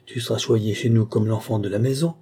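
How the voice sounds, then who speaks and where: A man voicing a gentle, teasing young village woman, lifting his voice slightly for her lines. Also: fairly low pitch, fairly even intonation, brisk, breathy edge.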